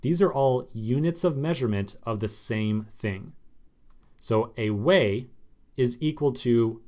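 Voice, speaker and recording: A man's voice: mid-range voice, measured pace, a little mellow. A man teaching a screencast coding lesson, explaining step by step in a casual way with fillers. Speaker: programming instructor.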